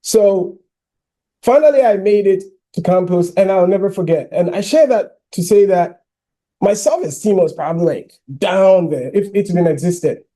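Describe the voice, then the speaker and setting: Man in his thirties, keynote speaker, high pitched and very mellow, animated storytelling. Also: moderate pace. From Ghana. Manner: animated storytelling, frequent "you know" fillers. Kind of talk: personal keynote speech.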